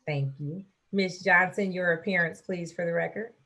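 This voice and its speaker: A woman's voice: fairly low pitch, steady tone, moderate pace, sharp tone. A woman judge heard on a courtroom hearing recording over a video call, formally calling each party to state their appearance for the record.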